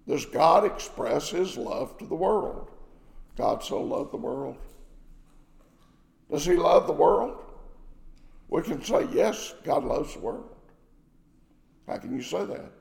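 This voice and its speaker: A man's voice: a little high, lively intonation, slow pace, creaky, pauses often, darkish tone, in a large hall. A man preaching a sermon as pastor, emphatic, asking rhetorical questions.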